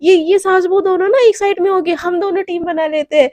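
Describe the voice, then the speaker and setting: A woman's voice: very high voice, fairly even intonation, fairly quick, a little mellow, no echo. A young woman voicing a cheeky, joking bride who whines and teases her mother. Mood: teasing, whiny. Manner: playful, whiny, teasing.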